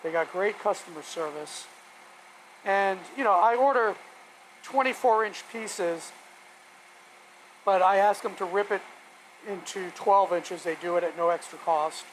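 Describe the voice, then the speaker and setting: The audio is poor, with a shop vacuum's steady noise under everything. A hobby woodworker in his home shop chats casually on a live stream, wandering through folksy thoughts aloud as he works, his mid-range voice a little slow and often pausing.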